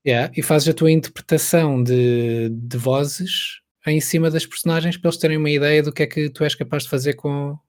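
A man's voice: on the high side, steady tone, brisk, hardly any pauses, a little mellow. A young man with a European Portuguese accent co-hosting a podcast, chatting in slangy, advice-giving banter. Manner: chatty, advising, slangy with bué and puto. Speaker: podcast co-host. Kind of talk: casual podcast chat.

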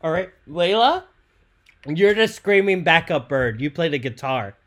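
A young woman hosting a joking podcast chat, loud and bossy, laughing often. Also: on the low side, animated, unhurried. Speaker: podcast host.

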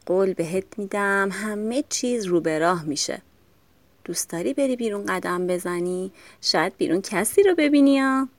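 A woman voicing a gentle, kind mother speaking tenderly to her young son in a children's storybook. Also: medium pitch, lively intonation, dry recording, close to an everyday voice. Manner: soft, tender.

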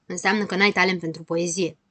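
A woman's voice: lowish voice, fairly even intonation, sharp tone, no room sound. A woman voicing a bossy, fussy little girl who lectures impatiently. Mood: lecturing.

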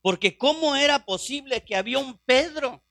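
A middle-aged man preaching a sermon, impassioned and fervent, dropping to hushed prayer tones and rising again. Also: extremely high pitch, expressive, normal speed, vocal fry, dry recording, clean studio sound. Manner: drops to hushed prayer voice when quoting.

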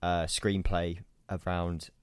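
A man's voice: low voice, level tone, takes it slowly, clean tone, no room sound, studio quality. A young man, chatting enthusiastically on a podcast, hesitating and repeating himself often. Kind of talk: casual chat.

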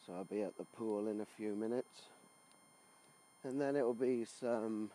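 Poor audio captures a middle-aged man, a swimming coach, casually narrating a podcast diary of his working day from the car, outdoors and by the pool. His voice is on the low side, dark and unhurried, against background noise from travel and outdoors.

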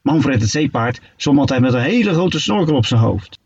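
A man reading a children's story aloud in an animated, playful way. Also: mid-range voice, moderate pace, slightly rough, no room sound. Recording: dull lo-fi recording.

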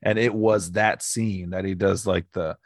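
A man co-hosts a casual podcast, telling animated, jokey stories. His voice sits low and has a gravelly fry to it. The sound is close and dry. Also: a little slow, dry recording. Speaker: podcast co-host. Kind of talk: casual chat.

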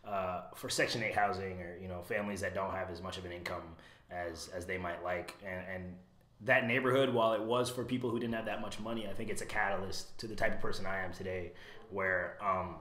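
A man's voice: low voice, flat delivery, brisk, fairly bright tone, echoey room. A young man from Iowa sharing his family story as a podcast guest, earnest and reflective, with many restarts. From USA, raised in Iowa. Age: young adult. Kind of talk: casual storytelling.

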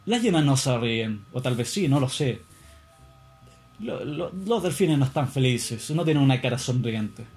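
A man's voice: mid-range voice, expressive, moderate pace, darkish tone, faint music behind. A man in a casual monologue, rambling and musing with plenty of swearing.

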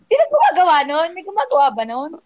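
A young woman co-hosting a casual podcast chat, animated and teasing, mixing Tagalog and English and laughing often. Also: extremely high pitch, fast talker, lo-fi sound, a crowd in the background. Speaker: podcast co-host.

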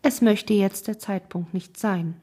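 A woman voicing a reserved, polite male architect in an audiobook, with a soft, breathy voice. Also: medium pitch. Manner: polite, evasive, measured.

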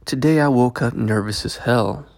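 A man narrating a scripted first-person story as a host, with a gravelly, creaky voice, close to the microphone. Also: medium pitch, moderate pace, a little mellow, no echo. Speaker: host and story reader of a podcast.

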